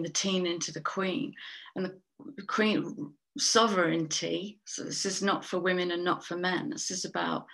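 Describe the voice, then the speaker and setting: A woman with a lowish, gravelly voice leads a spiritual tarot card reading. She muses slowly and often trails off mid-thought before picking it back up. Small breathy laughs slip in between her thoughts. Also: fairly bright tone. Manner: slow, musing, trails off and restarts. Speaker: tarot reader and soul coach.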